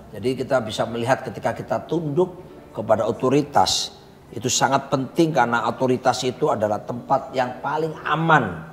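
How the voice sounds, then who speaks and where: A male pastor teaching in a conversational sermon style, preaching emphatically with his co-host. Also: medium pitch. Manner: emphatic preacher, repeats partner's phrases. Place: coffee lounge. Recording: roomy reverb with faint background hum.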